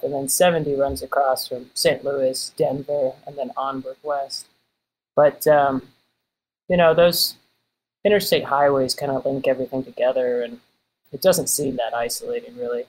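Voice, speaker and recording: A man's voice: medium pitch, poor audio. A man from Kansas City, a guest in a casual conversation, easygoing and dry in his humor. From Kansas City, United States.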